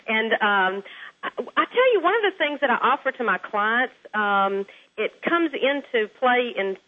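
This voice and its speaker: A woman's voice: fairly high pitch, expressive, a little slow. A woman, a home stager chatting as a guest and laughing often. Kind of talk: casual interview on a phone line. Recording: tinny phone line.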